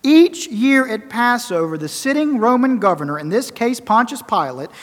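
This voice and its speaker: A man preaching a sermon, emphatic and rhetorical, repeating phrases for effect and swinging between loud and soft. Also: very high voice, big pitch swings, moderate pace. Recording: long reverberant hall.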